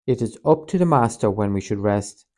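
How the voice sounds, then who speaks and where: A loyal, earnest male disciple who speaks with quiet conviction, as a man reads him. The tone is deep and mellow, read from a storybook. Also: expressive, normal speed, natural voice. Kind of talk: audiobook reading.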